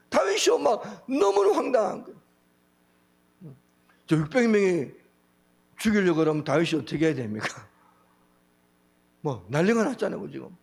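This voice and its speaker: A man preaching a sermon as pastor, with a Gyeongsang accent, acting out quoted speech with big swings of pitch. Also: gravelly, breathy edge. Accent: Gyeongsang Korean.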